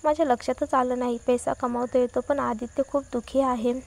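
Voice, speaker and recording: A woman voicing a timid, caring young nanny who pleads gently. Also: high-pitched, fairly even intonation, fairly quick, creaky. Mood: pleading.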